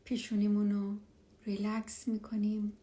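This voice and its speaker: A woman leading a guided relaxation meditation as an instructor, speaking softly and soothingly, often near a whisper, with unhurried pauses. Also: mid-range voice, monotone. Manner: unhurried, with long pauses between phrases.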